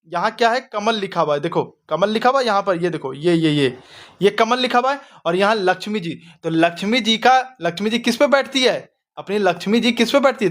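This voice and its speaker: A man with a high, light voice teaches an exam revision lesson. He keeps asking his students quick questions and answers them himself. His tone is chatty and informal, and he calls his listeners "brother". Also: a bit bright. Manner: chatty, addresses students as bhai.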